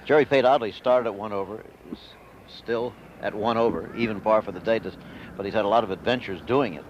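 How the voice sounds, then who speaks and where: A man with a fairly low voice calls golf in a measured, descriptive play-by-play style. The sound is a dull old TV broadcast with clear background noise from outdoors. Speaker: golf commentator. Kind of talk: live golf play-by-play commentary. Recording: dull, noisy vintage TV broadcast.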